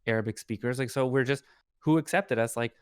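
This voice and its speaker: A young guy from Orange County, California, a lawyer and streamer, rambles as a podcast guest in a brisk, clean, mid-range voice on a dead-dry close mic with no echo. He leans hard on "like" and "right?" and slips into quoted voices, acting out other people.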